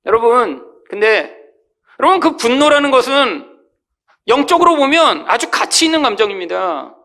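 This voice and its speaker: A male pastor preaching a sermon with emphatic, rising exclamations that drop away quietly at the end of phrases, often calling out to the congregation. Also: sing-song, moderate pace. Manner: swells to high exclamations, then drops low and quiet at phrase ends.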